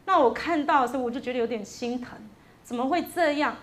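A woman's voice: high voice, quick pace. A woman preaches a Sunday sermon. She tells a story in a conversational way and then builds to emphatic, rising exhortation.

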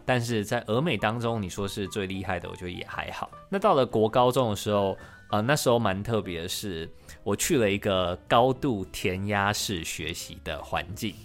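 Low-voiced man. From Taiwan. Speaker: podcast host, interviewee. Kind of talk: podcast interview.

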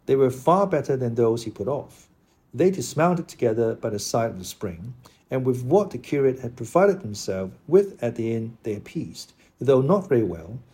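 Casting: male audiobook narrator with a dark, slightly husky voice and a steady delivery. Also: mid-range voice. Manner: steady, measured reading. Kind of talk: audiobook narration of a classic novel.

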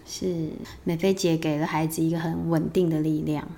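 A woman with a Taiwanese Mandarin accent who hosts a podcast, chatting with her guest in a gentle, reflective way and making frequent soft murmurs of agreement. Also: low-pitched, level tone, moderate pace, creaky, a little hiss or hum. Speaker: podcast host. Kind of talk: casual interview chat.

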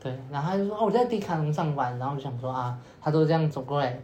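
A young man with a rather high, mellow voice tells a long story at rapid-fire speed on a podcast, with the highs sounding cut off. He rambles casually, leans on the same fillers again and again, and acts out the lines people said. The recording has a roomy echo and faint noise.

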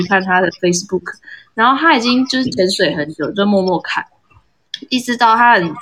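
A woman calling in to a live talk show to tell a story in a casual, chatty way, acting out the people she quotes. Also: medium pitch. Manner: animated, acts out quoted lines. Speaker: caller sharing a story.

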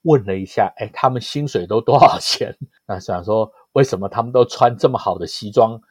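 A man's voice: fairly low pitch, normal speed, a little mellow, slightly rough, no room sound, clean studio sound. A middle-aged man from Taiwan with a Taiwanese Mandarin accent, telling stories conversationally in an explanatory way, peppered with interjections. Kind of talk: conversational storytelling.

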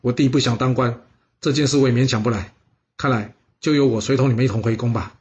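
A man's voice: mid-range voice, steady tone, quick pace, darkish tone, highs cut off, lightly acted. A man voicing an earnest, resigned elder brother in a storytelling podcast. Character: loyal dutiful elder brother, young man.

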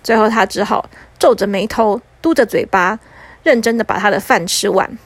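A woman narrating a bedtime story for children in a gentle, lilting way. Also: medium pitch, breathy edge, no echo. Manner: gentle, lilting with drawn-out particles.

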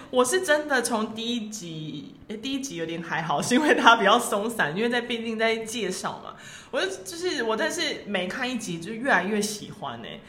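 A young woman talks candidly in a bright, forceful voice, her pitch swinging up and down as she laughs her way through casual podcast chat. The recording carries a noticeable roomy echo. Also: a little hiss or hum. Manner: emotional, laughs often, candid. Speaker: podcast co-host.

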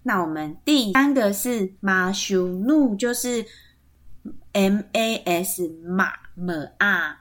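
A slow, patient Taiwanese woman with a Taiwanese Mandarin accent and medium pitch hosts a podcast language lesson on Atayal kinship terms. She explains things patiently, spelling words out letter by letter and often using tag particles to seek agreement.

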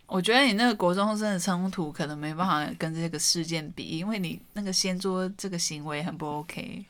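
A young woman from Taiwan co-hosts a casual podcast and teases her partner with quick remarks. She talks fast, and her voice sits a little low for a woman. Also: a bit bright. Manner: teasing, quick comebacks. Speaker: podcast co-host. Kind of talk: casual chat.

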